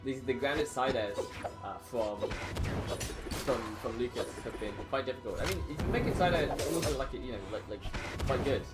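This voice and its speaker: A man's voice: mid-range voice, moderate pace. A man doing fighting game play-by-play as a tournament commentator, casual and hesitant, often repeating himself mid-phrase. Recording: game music behind the voice. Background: game music.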